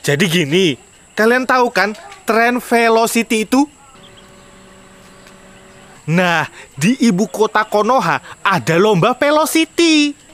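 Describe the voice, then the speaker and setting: A performer voicing an earnest, theatrical village man of some authority in an animated parody. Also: mid-range voice, slow pace, long pauses. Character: Pak Yadi, earnest village official seeking a champion, cartoon man.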